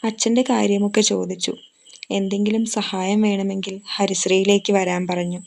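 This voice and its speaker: Woman voicing a gentle young teacher. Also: medium pitch, level tone, moderate pace, creaky, natural voice. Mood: tender.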